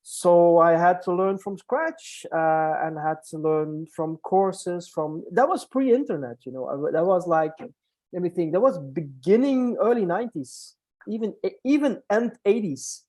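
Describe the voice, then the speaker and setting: A man's voice: high-pitched, lively intonation, a little slow, a little mellow. Hesitant man. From Belgium. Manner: hesitant, many restarts and fillers, laughs easily. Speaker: guest, hospital clown and coach. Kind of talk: casual conversational interview.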